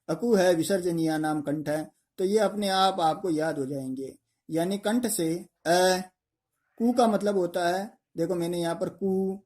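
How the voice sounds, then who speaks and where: Mellow-voiced male Hindi grammar teacher. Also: sits high. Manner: explains step by step, asking and answering his own questions. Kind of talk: exam-prep grammar lesson.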